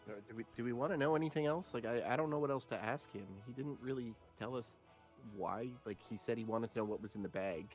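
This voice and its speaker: A man's voice: medium pitch, quick pace, low-quality recording. A man chatting casually as a player in a tabletop role-playing game. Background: background music.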